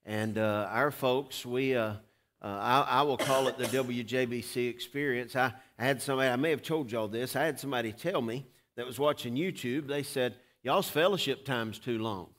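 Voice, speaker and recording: A man's voice: mid-range voice, fairly bright tone. Folksy Southern preacher man. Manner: folksy, halting, exhorting. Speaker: pastor. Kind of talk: informal Southern preacher addressing congregation. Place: large church sanctuary, at the pulpit.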